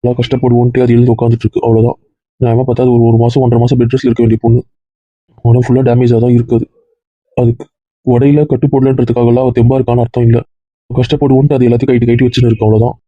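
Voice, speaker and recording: A man voicing a fiercely protective young husband in a family drama, talking in a brisk, emphatic, scolding way. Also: mid-range voice, little pitch movement, no echo, lightly acted. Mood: firm. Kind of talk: Tamil family drama dialogue. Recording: dull dry lo-fi recording.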